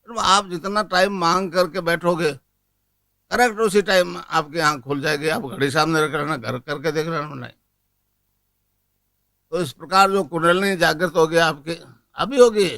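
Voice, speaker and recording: A man in his eighties giving a folksy spiritual discourse as a guru, speaking, asking rhetorical questions and chanting a mantra slowly. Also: on the high side, vocal fry, sharp tone. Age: 80s.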